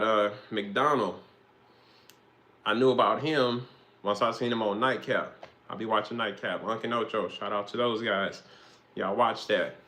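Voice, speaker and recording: A man's voice: fairly low pitch, sharp tone. A young man, hosting a casual, rambling football monologue with slang and swearing. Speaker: host.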